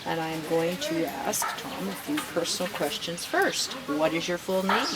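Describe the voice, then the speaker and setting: A woman's voice: fairly low pitch, lively intonation, normal speed. A woman in her sixties conducting a conversational oral history interview. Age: 60s. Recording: noisy recording with ambient sound.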